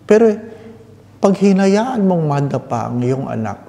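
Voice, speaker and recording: Filipino guy priest preaching, really slow mellow voice, big cathedral echo. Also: fairly high pitch, big pitch swings, gravelly. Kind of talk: liturgical reading and sermon. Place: large echoing church. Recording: long cavernous church reverb.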